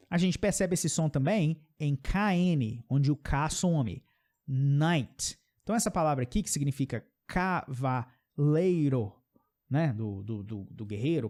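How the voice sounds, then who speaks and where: Brazilian guy teaching english sounds, dark mellow voice, a bit high-pitched, drills words slow then asks ok?. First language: Brazilian Portuguese. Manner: repeats English words slowly, checks in with "ok?". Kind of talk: pronunciation lesson.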